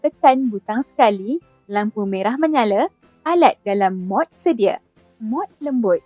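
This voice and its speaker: Higher-pitched Malaysian woman, infomercial voice-over. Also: expressive, measured pace, darkish tone, dry recording. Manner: promotional product pitch, carefully enunciated. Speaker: TV shopping voice-over announcer. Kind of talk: scripted infomercial narration. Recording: dull band-limited audio under music. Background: background music.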